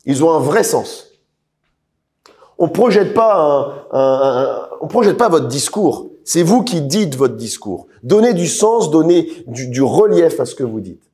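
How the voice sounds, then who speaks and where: Male vocal coach, fairly high, mellow voice, animated and repetitive delivery in a live workshop. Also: a little slow. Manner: lively, repeats words, addresses trainees by name. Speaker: speaking trainer. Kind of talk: live training session.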